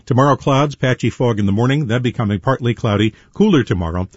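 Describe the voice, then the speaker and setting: Husky male announcer on a tinny radio. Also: medium pitch, fast talker, a little mellow, dry recording. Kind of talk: station announcements, sponsor reads and weather. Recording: dull lo-fi radio broadcast.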